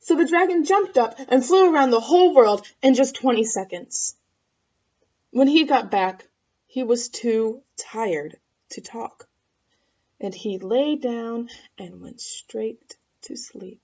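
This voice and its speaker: A woman's voice: fairly high pitch, takes it slowly, darkish tone, muffled recording. A woman reading a picture book aloud to children expressively, with asides and questions for the listeners. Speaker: storybook reader.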